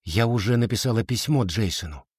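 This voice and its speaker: A man voicing a quiet, determined schoolgirl in an audiobook, close to his own reading voice. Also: fairly low pitch, animated, a little fast, husky, dry recording. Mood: resolute.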